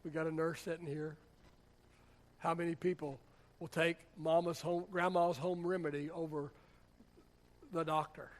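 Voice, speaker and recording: A man's voice: on the high side, level tone, normal speed, pauses often. A man, a pastor, preaching a sermon in a church in a conversational, humorous storytelling way. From United States.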